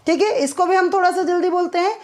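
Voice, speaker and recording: A woman's voice: extremely high pitch, fast. A woman teaching phonetic symbols, who asks her students questions, answers them herself and draws out sounds to demonstrate them. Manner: repeats key points as quiz questions and answers them. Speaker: English teacher.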